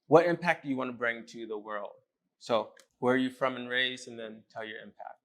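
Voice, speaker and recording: A man's voice: mid-range voice, a little fast. A man hosting a casual interview with a fitness challenge, upbeat and coaching, often checking in with "okay?". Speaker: fitness podcast host.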